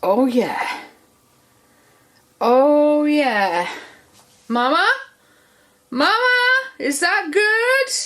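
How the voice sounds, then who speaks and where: A woman teaching soap making, talking casually through each step and thinking aloud as she works. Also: mid-range voice. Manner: chatty, thinks aloud while working.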